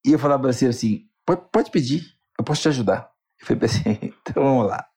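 A man's voice: medium pitch, animated, fast, creaky, darkish tone. A Brazilian man, a motivational speaker and interview guest, telling a personal story earnestly and acting out the dialogue.

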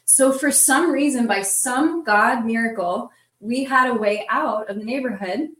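A woman's voice: on the high side, unhurried, fairly bright tone, far from the mic. Woman telling a story, off-mic in a roomy space. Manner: vivid, breathless retelling with many "like" fillers. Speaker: roundtable guest. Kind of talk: casual storytelling.

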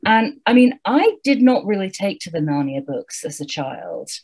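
A woman's voice: mid-range voice, moderate pace, breathy edge. A woman co-hosting a casual book-chat podcast, wry and thoughtful, reading passages aloud with relish. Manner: thoughtful, wry, lively reader. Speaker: podcast co-host.

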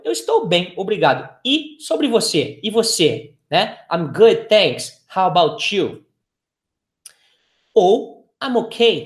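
A man with a Brazilian Portuguese accent, teaching English and saying phrases slowly and clearly so learners can repeat them. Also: sits high. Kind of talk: language lesson with repeat-after-me drills. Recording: echoey room.

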